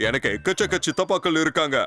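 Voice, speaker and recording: Give me a man playing a cheeky cartoon sidekick with a high, jokey voice, teasing his friends over clear background music. The feel is a dubbed kids' cartoon. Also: quick pace, close to an everyday voice.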